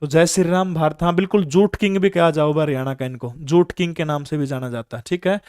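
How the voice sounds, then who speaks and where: A man's voice: fairly high pitch, brisk, darkish tone, clear, resonant tone, no room sound, clean studio sound. A man in his thirties with a Haryanvi accent, teaching an online general-knowledge exam class and quizzing students with rhetorical questions.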